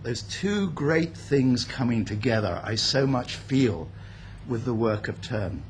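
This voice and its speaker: An older man who grew up in India speaks at an opening event, thinking aloud with frequent pauses and fillers. His voice sits at an ordinary middle pitch. Faint room ambience hangs behind him. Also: animated, a little hiss or hum. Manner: reflective, speaks off the cuff with many pauses and fillers. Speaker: guest speaker. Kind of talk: formal speech. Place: event hall at a building opening.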